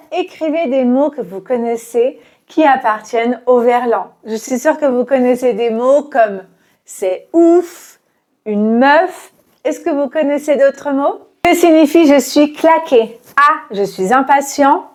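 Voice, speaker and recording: Slow, high-voiced woman teaching French. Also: a little mellow. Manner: clear, deliberate, with playful example phrases. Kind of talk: quiz-style language lesson.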